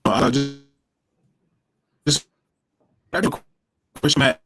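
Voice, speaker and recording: A man's voice: medium pitch, expressive, fairly bright tone, a little hiss or hum. A man speaking hesitantly over a video call, his audio breaking up and cutting out. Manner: halting, hesitant. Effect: choppy audio that keeps cutting out. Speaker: call-in participant.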